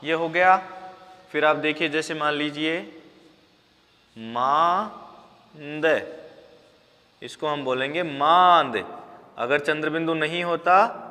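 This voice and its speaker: A man teaching a lesson, sounding words out slowly syllable by syllable. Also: on the high side, fairly even intonation, sharp tone, long reverb tail. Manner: slow, drawn-out syllable-by-syllable pronunciation. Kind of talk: classroom lesson on Hindi spelling.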